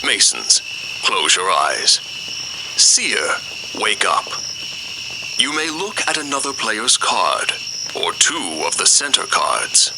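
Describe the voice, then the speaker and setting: A commanding narrator for a night-time game played by a man gives scripted orders with drama. The voice is low and gravelly and very slow, over loud night ambience with crickets. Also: sing-song, very noisy, full character voice. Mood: commanding, solemn.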